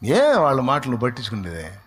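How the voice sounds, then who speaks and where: A man's voice: huge pitch swings, moderate pace, breathy edge. A man preaching a sermon, telling stories dramatically and acting out the voices of the people in them. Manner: dramatic storytelling, acting out villagers and David in colloquial voices; swings between loud exclamations and low asides. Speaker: pastor.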